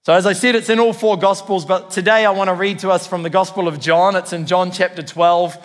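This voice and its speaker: This church pastor, a man with a New Zealand accent, has a high-pitched voice with fairly even intonation and a fairly quick delivery. His sermon to the congregation is earnest and emphatic, full of repeated phrases, and echoes with long hall reverb.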